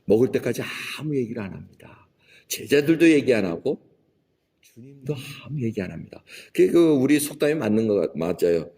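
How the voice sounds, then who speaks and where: Man, pastor, sermon, husky voice, chatty delivery, church reverb. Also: medium pitch, very animated, fairly quick, dark tone. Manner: conversational preaching, acting out quoted dialogue. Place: church sanctuary. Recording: long hall reverb.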